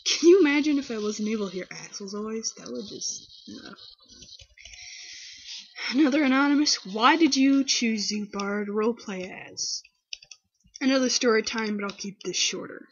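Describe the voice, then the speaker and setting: A woman's voice: fairly high pitch, normal speed, slightly rough. A young woman answering viewer questions in a candid, rambling, casual chat and telling stories. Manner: candid, rambling, animated storytelling. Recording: dull lo-fi webcam audio.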